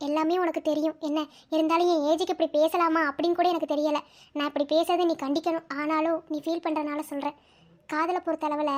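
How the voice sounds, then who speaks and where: A woman voicing a caring younger sister who calmly comforts and advises her older sister. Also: sits high, pitched below the performer's own voice, natural voice. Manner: soothing, advising.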